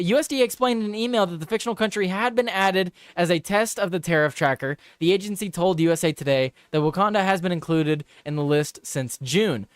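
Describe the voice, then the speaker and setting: A young man hosts a casual live news quiz chat, his voice on the high side with a clear, resonant tone. He's chatty and reactive, swearing and repeating himself while reading headlines. The studio recording is clean with no echo.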